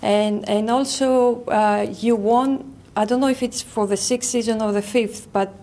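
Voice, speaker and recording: Halting higher-voiced woman interviewer. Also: steady tone, warm tone. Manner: halting, many restarts, non-native phrasing. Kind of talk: interview questions.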